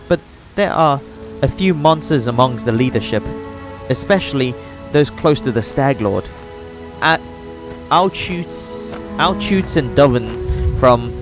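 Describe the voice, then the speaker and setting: A man's voice: mid-range voice, voice pushed up, close to an everyday voice. Brief: defiant frontier wife, voiced by a man in a raised voice, insistent and proud, for a fantasy game.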